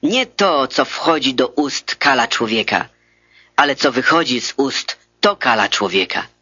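A man reading the words of a calm, authoritative male teacher in a measured, solemn way. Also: mid-range voice, breathy edge, no room sound, voice pushed down, heavily acted. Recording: dull lo-fi dry recording.

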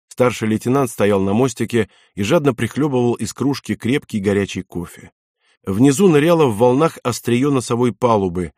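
A man narrating a war novel as an audiobook, in a measured, even reading. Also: mid-range voice, no room sound, studio quality.

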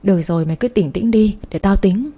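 Brief: woman reading a frank female friend, blunt and reasoning, mellow voice. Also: mid-range voice, brisk, breathy edge, lightly acted.

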